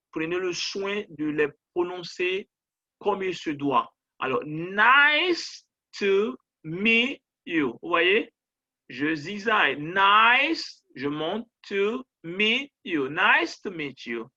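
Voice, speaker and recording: A man gives an English pronunciation lesson, drilling short phrases slowly and coaxing his learners to repeat. His voice is bright and a touch high. The recording sounds a little dull and lo-fi. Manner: encouraging, coaxing. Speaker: English teacher.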